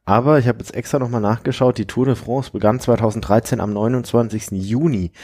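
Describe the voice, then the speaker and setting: A man's voice: mid-range voice, fairly even intonation, fast talker, darkish tone. A man co-hosting a podcast, talking in casual conversation. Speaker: podcast co-host.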